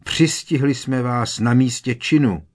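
A man's voice: mid-range voice, darkish tone, lightly acted. A man voicing a cold, harsh male ministry official who barks accusations in a storybook reading. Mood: furious. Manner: barking, accusing.

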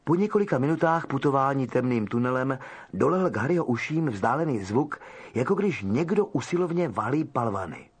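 Husky male storybook narrator. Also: mid-range voice, very animated. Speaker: audiobook narrator.

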